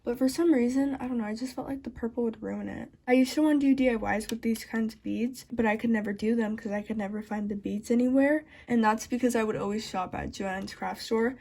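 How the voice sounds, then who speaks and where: A woman's voice: on the high side, steady tone, a little fast, vocal fry, hardly any pauses, darkish tone. A woman hosting a casual craft tutorial, chatting straight to her viewers, her speech slightly altered by the retainers she is wearing. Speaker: DIY craft vlogger.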